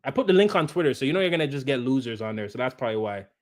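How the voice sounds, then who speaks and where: A man's voice: medium pitch, lively intonation, very fast. A man live streaming, ranting combatively at his chat and repeating his jabs. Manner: combative, repetitive, talks straight at chat. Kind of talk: heated live-stream rant.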